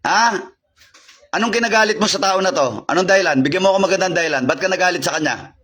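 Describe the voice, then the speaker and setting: A man with a high, fast, somewhat bright and slightly rough voice performs faith healing and exorcism on a live stream. He repeats commands over and over and questions a spirit.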